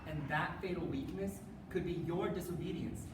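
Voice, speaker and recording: A young adult woman on a college forensics team performs a rehearsed, dramatic readers theater speech as one of a student team. Her voice is fairly low in pitch at a moderate pace. It's a live stage performance indoors, recorded noisily from far off in an echoey room.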